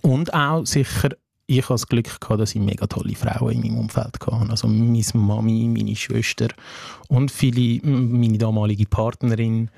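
Young man with a Swiss German accent. Interview guest. Earnest, measured, mellow tone. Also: medium pitch, steady tone, creaky, dry recording, clean studio sound. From Afghanistan. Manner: earnest, measured, with many "hey" asides. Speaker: social worker, interview guest. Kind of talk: reflective interview talk.

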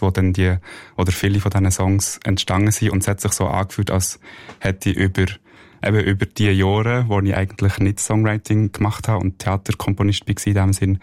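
Deep, flat-voiced Swiss German musician. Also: male voice, no room sound. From Switzerland. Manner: reflective, hesitant, laughs softly. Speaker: musician guest. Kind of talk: radio interview.

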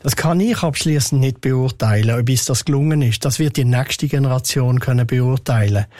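An older man answers questions in a calm, measured way. He hesitates often as he thinks aloud, at an ordinary pitch for a man. The sound is close and dry, with no room echo. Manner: measured, thoughtful, with frequent hesitations. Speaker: head of city tree and green space department, interviewee. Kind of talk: radio interview answers.

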